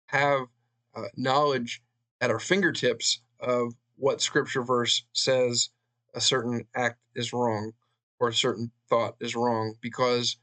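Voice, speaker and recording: A man's voice: mid-range voice, fairly bright tone. Earnest man reading a book aloud. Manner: earnest, pauses with fillers between read passages. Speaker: channel host reading a book.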